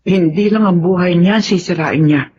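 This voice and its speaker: A woman's voice: fairly low pitch, normal speed, darkish tone, slightly rough. An actress playing a worried middle-aged mother in an old radio drama, anxious and pleading. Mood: fearful. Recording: dull lo-fi old radio recording.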